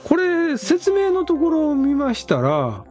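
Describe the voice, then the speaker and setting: A man from Osaka with a Senshu Osaka accent, hosting a casual podcast chat with animated, quick talk and laughing asides. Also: extremely high pitch, faint music behind. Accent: Senshu Osaka dialect. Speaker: podcast host.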